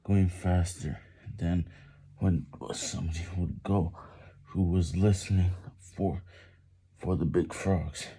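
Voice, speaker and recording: A man's voice: sits low, little pitch movement, takes it slowly, long pauses, mellow, husky. A man reading a novel aloud while doing push-ups, exerting himself, with sighs between phrases and words often broken off and repeated.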